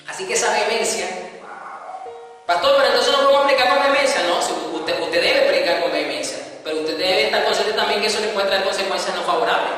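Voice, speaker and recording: A woman's voice: mid-range voice, a bit bright, far from the mic. Woman preaching in an echoey hall. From Peru. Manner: emphatic, rising for scripture readings. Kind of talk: sermon.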